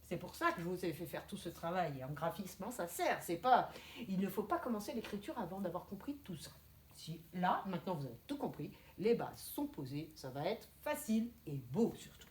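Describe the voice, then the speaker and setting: Lively teacher talking to small kids. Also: female voice, lowish voice, moderate pace, echoey room. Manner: precise, step-by-step, gently firm teacher talk. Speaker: kindergarten teacher. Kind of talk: handwriting lesson to young children. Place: classroom.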